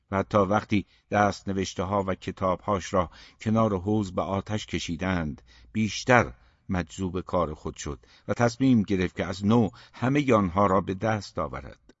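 A man narrates a literary novel in a steady, measured way. His voice sits low. The recording is muffled, with a dry, close sound. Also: no room sound. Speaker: audiobook narrator.

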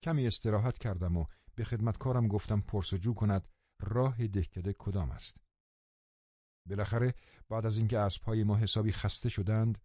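Low, mellow male audiobook narrator. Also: no room sound. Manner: measured, unhurried storytelling. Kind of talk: scripted first-person narration. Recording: dull lo-fi recording.

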